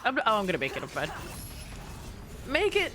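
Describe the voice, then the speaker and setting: The young woman's voice is on the high side and swings hugely in pitch, delivered at normal speed. As a game streamer on a livestream, she banters and teases her chat and keeps up casual commentary on the game.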